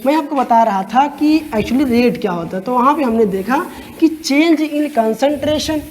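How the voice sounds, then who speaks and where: A man teaching a chemistry lecture to students. He asks rhetorical questions, answers them himself, and drags out key terms slowly. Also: extremely high pitch, expressive, darkish tone. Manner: calls listeners 'bhaiya'. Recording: long hall reverb.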